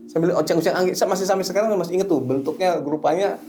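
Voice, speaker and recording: A middle-aged male hypnotherapist, appearing as a guest, chats casually and tells lively stories, now and then easing into a slow, soothing suggestion voice. His voice is high-pitched, and music plays underneath.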